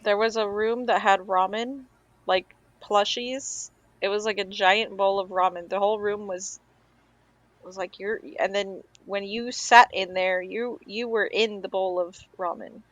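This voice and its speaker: Woman, casual podcast co-host, rambling storyteller, mid-pitched, dry sound. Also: steady tone, a little slow, a bit bright, dry recording, rough recording. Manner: chatty storytelling, many "like" fillers. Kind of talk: casual chat.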